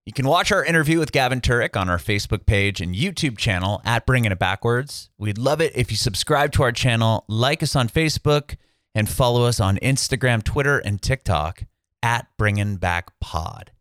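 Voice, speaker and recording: Over a video call, a man from San Diego in Southern California hosts a music podcast, chatting in a casual, upbeat interview style with short, friendly affirmations. His medium-pitched voice is lively in intonation, moderate in pace, and fairly bright, recorded at studio quality with no room sound.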